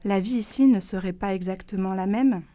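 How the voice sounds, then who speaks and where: A woman's voice: medium pitch, fairly quick, dark tone, no echo, close to an everyday voice. A woman doing a timid little bat. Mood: shy. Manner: small, shy voice.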